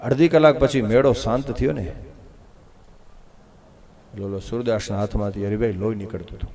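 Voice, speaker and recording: A man telling a devotional story on a katha stage, swinging between hushed and loud passages. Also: on the low side, fairly even intonation, moderate pace. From Kutch, Gujarat. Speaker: Bhagavat katha preacher. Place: open-air katha stage before a crowd.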